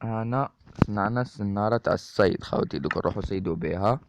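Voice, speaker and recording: Low gravelly Algerian gamer. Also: male voice, fast. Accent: Algerian Arabic. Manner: chatty, keeps addressing viewers as brothers. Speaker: gaming YouTuber. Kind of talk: Minecraft let's-play commentary. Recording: dull lo-fi mic with steady noise.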